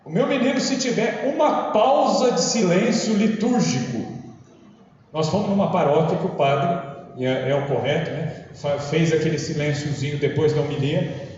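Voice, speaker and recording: A man's voice: on the high side, normal speed, a little mellow, slight background noise. A Brazilian man, a teacher, telling humorous stories to a parish group and acting out the voices he quotes. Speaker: teacher giving a parish lecture. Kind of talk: anecdotal talk to a parish group. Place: large parish hall. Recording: echoey hall, distant dull mic.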